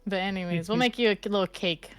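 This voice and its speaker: A woman's voice: medium pitch, quick pace, faint music behind. A woman co-hosting a casual podcast chat, laid-back and laughing a lot. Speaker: podcast co-host. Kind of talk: casual chat among streamers.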